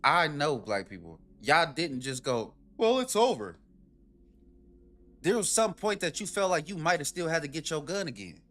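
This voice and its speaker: A man streaming, reacting to a video with animated, profane, rhetorical ranting in casual commentary. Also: on the high side, normal speed, few pauses.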